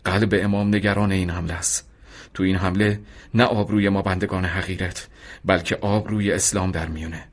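A man voicing a steady, devout male battalion commander in an earnest radio drama reading. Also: on the low side, natural voice. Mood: pleading. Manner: earnest, fervent when pleading.

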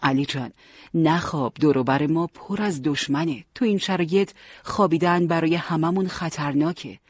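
A man voicing a teasing but caring young male fighter who leads his friends, with a husky voice. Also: a little high, dry recording, pitched above the performer's own voice. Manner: joking, bossy yet warm.

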